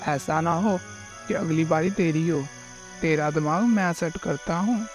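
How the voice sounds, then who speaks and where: A man voicing a scheming, hot-tempered male thief bird who is a father, in a gruff, threatening manner. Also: on the high side, measured pace, close to an everyday voice. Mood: gruff scolding. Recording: faint music behind the voice.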